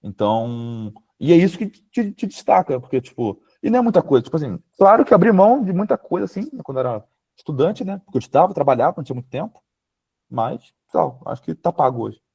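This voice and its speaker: Young man, Brazilian accent, warm mellow tone, casual webinar talk on a video call, chatty with fillers. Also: a little high, very animated, fast, breathy edge. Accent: Brazilian Portuguese. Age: late 20s. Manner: informal, frequent fillers like "sabe?" and "tipo". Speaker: guest speaker, power systems engineer. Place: home, remote video call.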